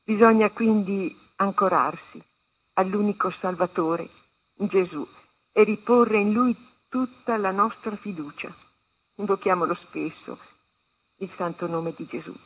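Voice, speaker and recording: Husky woman reading scripture on a phone line. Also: medium pitch, a little slow. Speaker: reader on a religious radio program. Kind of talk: reading scripture and a meditation aloud. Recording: tinny phone-line sound.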